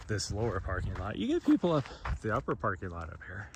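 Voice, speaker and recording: A man's voice: lowish voice, wildly swooping pitch, fast. A man chatting casually while out on a trail, rambling with frequent laughs and a throat scratchy from smoke. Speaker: trail runner vlogger. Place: outdoors on a trail. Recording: noisy outdoor recording.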